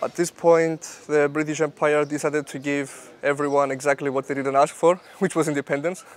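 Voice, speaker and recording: A man's voice: fairly high pitch, level tone, normal speed, faint music behind. A man in his twenties, a medical student, giving thoughtful interview answers outdoors at a café on a lapel mic. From Cyprus. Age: 20s.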